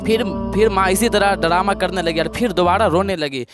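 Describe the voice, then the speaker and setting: A male preacher tells a moral story from the pulpit in a slightly high voice. He moves through it plainly and circles back on the same phrases to stress them. Clear background music plays under him. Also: a little fast. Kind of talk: religious storytelling sermon.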